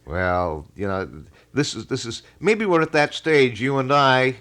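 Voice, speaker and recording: On what sounds like a 1980 local radio broadcast, a man hosts a call-in show from the studio in a casual, wordy, folksy announcer style. His medium-pitched voice is very animated and fairly bright, and he keeps a measured pace.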